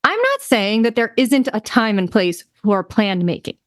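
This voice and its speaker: A woman's voice: mid-range voice, big pitch swings, measured pace, dry recording. Playful woman podcast co-host, dry sound. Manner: playful, emphatic, jokey asides. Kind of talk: casual chat.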